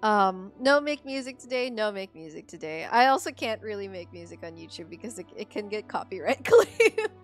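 Her mid-range voice is sing-song, moving at a moderate pace with hardly any pauses over soft background music. She's a young adult Filipino game streamer, talking casually and ramblingly to her viewers and saying "like" constantly among other fillers.

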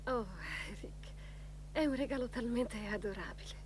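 High-voiced gentle wife played by a woman. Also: moderate pace, a little hiss or hum, natural voice. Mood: tender. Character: gentle, affectionate, hesitant young wife. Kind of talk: dubbed television film drama.

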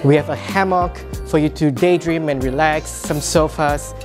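A man's voice: a little high, steady tone, normal speed. A man guiding a walking tour of a coding campus, cheerful and welcoming with playful asides. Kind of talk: scripted walking tour narration. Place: large open-plan campus building indoors. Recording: music playing behind.

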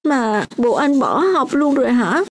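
A woman's voice: high-pitched, very animated, a little slow, full character voice. A woman voicing a young orphan girl in a radio drama, stubborn and hurt, with a sulky insistence.

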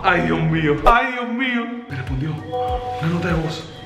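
A man filming a prank vlog, talking fast and nervously and repeating himself. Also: on the high side, animated, creaky, reverberant, over loud music. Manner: anxious, jumpy, repeats "no, no, no". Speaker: vlogger pulling a prank.

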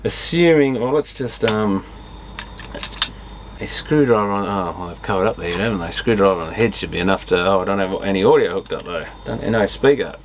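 An electronics repairer and video host offers casual, unscripted commentary while tinkering, thinking aloud in fragments that trail off. His voice is fairly low and his pace brisk, over a noisy background.

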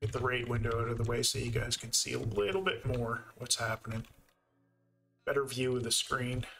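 A man's voice: medium pitch, moderate pace, creaky, a bit bright, soft background music. A man with a Canadian accent giving easygoing live commentary while he plays a game and thinks aloud. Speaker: game streamer.

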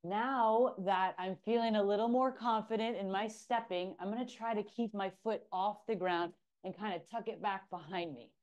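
A woman's voice: mid-range voice, normal speed, few pauses, darkish tone, muffled recording. A woman leading a workout class, counting reps aloud and giving upbeat coaching cues. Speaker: fitness instructor. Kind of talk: guided workout cueing.

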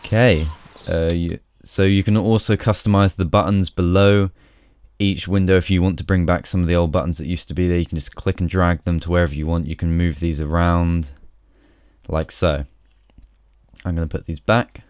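Deep-voiced man giving a casual tutorial. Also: moderate pace, no echo, clean studio sound. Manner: relaxed, chatty, with frequent ums. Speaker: software tutorial host. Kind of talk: casual screen-recorded tutorial.

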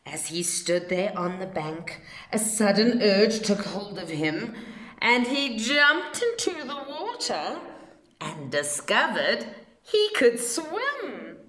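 Very slow, expressive woman reading aloud. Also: medium pitch, echoey room. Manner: slow, theatrical delivery for children. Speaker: storyteller reading a picture book aloud. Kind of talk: expressive children's story reading.

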